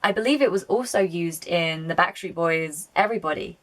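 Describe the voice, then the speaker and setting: A woman's voice: on the low side, brisk, a bit bright. A woman giving casual video-essay film commentary, chatty, opinionated and prone to swearing. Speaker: film reviewer.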